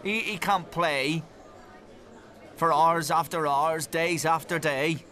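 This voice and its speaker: A man giving live poker commentary, lively, jokey and emphatic. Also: on the high side, slow, soft background music. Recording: crowd noise in the venue. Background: crowd noise.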